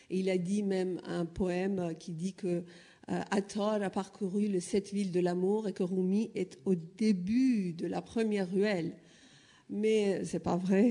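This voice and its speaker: A woman from Iran, whose first language is Persian, explains things to a panel audience. She pauses often with filler sounds. Her voice is mellow and mid-pitched, never sharp. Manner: hesitant, many filler sounds. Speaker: panel speaker.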